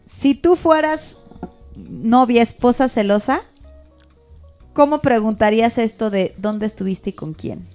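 A woman's voice: on the high side, animated, a little slow, darkish tone. Teasing woman chatting with music behind. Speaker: co-host. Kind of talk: casual chat.

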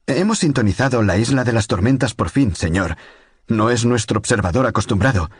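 A man voicing a young military radio operator who is formal, slow and deferential. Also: mid-range voice, animated, breathy edge, no echo, clean studio sound, pitched above the performer's own voice.

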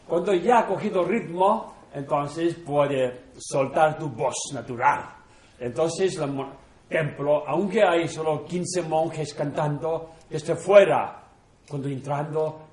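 A man, a monk, talking casually to a small group in halting non-native Spanish, full of fillers and tag questions. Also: on the high side, a little mellow. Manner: unhurried, chatty, often chuckling. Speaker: monk leading an informal group session. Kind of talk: informal talk to a small group. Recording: roomy echo in an indoor room.

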